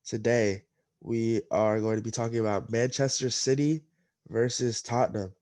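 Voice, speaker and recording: A young man with a congested, nasal voice talks football in a flat, even tone. His sound is mellow and dark, and the recording is dry and close. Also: mid-range voice, normal speed, no echo. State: recovering from nose surgery. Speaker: podcast co-host. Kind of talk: casual sports chat.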